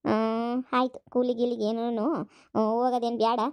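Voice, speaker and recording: A woman playing a sharp-tongued young village wife. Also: fairly high pitch, level tone, normal speed, smooth, lightly acted. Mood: agreeable.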